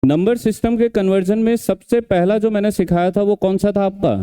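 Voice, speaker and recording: A man's voice: high-pitched, fairly even intonation, fairly quick, mellow, clean tone. A man teaching an exam revision class, who keeps quizzing and scolding his students and repeats each step. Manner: questioning, scolding, repeats steps.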